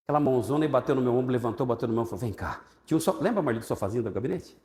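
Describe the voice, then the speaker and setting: A man with a Brazilian Portuguese accent teaching Sunday school, telling his testimony as an animated storyteller who acts out the voices of people in it. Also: mid-range voice, rapid-fire. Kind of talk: sermon-style personal testimony. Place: church hall. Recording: echoey church hall with long reverb.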